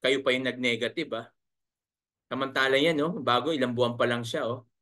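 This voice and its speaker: A man's voice: medium pitch, fairly even intonation, fairly quick, pushed and bright. A man coaching online sellers in a live webinar, in a chiding manner, full of rhetorical questions. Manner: chiding, rhetorical, keeps asking "right?". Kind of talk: live webinar talk, reading viewer comments.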